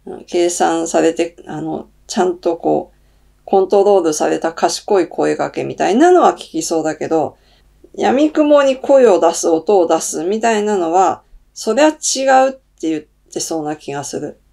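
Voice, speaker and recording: A woman's voice: on the low side, lively intonation, moderate pace, gravelly, warm tone. A middle-aged woman hosting her own channel, reading tarot cards and chatting casually, thinking aloud with many fillers. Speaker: tarot reader and channel host. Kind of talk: casual solo talk.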